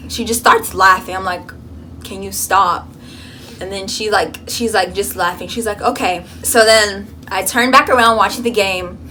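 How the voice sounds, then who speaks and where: A young woman vlogging in a college dorm room, chatting casually and telling an animated story full of fillers. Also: on the high side, a little hiss or hum. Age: young adult. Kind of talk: casual chat.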